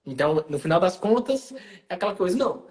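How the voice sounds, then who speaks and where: Emphatic man, higher voice. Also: sing-song, quick pace, a little mellow. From Pernambuco, Brazil. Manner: emphatic, calls the guest by name often. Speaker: live stream host. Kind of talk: casual conversation.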